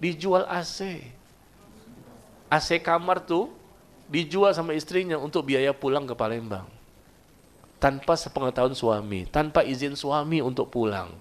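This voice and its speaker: A man's voice: fairly high pitch, measured pace, pauses often. A male preacher giving a casual, conversational sermon, asking his listeners questions and acting out little dialogues. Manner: conversational, asks the audience questions and acts out dialogue. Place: mosque gathering.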